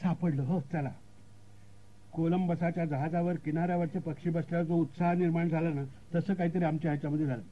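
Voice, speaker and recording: A man's voice: fairly high pitch, flat delivery, fast, hardly any pauses. A man narrating a humorous story with wry comic commentary, on a dull lo-fi recording.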